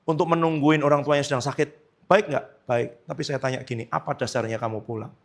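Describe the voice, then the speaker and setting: A man's voice: mid-range voice, fairly even intonation, quick pace, gravelly. A middle-aged man preaching a sermon as pastor, conversational, acting out quoted dialogue and using tag questions.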